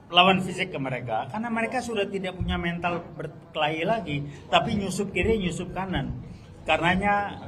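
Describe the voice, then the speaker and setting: A man's voice: fairly high pitch, rough recording. An older man speaking heatedly and bluntly at a press conference, slipping into slang and acting out quoted exchanges. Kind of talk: impassioned press conference speech.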